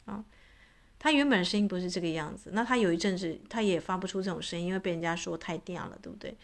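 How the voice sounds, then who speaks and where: A woman's voice: on the low side, quick pace, gravelly. A woman, a voice coach talking casually to her audience, chatty and full of filler particles. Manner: chatty, many filler particles, imitates cat meows. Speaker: voice and astrology coach.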